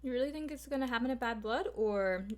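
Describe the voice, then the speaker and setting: She talks fast in a fairly high voice. The young woman is vlogging a casual mukbang, eating and chatting informally to viewers with lots of filler words and some mild cursing.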